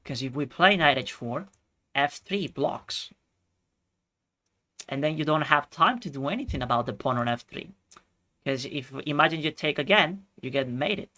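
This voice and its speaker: A man from Chile streaming chess, thinking out loud through his moves and chatting with viewers. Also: fairly high pitch, expressive, moderate pace. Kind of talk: live-stream commentary.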